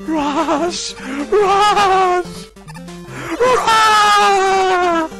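A man's voice: very high voice, drawn-out words. A man doing gaming commentary in a berserk rage, screaming and cursing in frustration. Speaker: video game let's player. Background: retro video game music.

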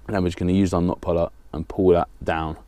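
Deep-voiced man explaining a fishing rig. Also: level tone, fast talker, background noise. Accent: southern English. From England. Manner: plain, practical, talks while working with his hands. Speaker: fishing channel host. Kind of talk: step-by-step tutorial. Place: small indoor studio with banner backdrop.

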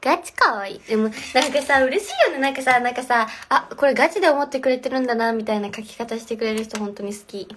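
A woman's voice: a little high, fast, few pauses, a little hiss or hum. A young woman casually chatting on a phone livestream from home, reading viewer comments aloud and answering them. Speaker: livestream host. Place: home, indoors.

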